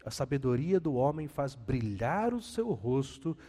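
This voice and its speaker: A Brazilian man preaching a sermon as a pastor, animated and speaking with self-deprecating humor. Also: medium pitch, measured pace, long reverb tail.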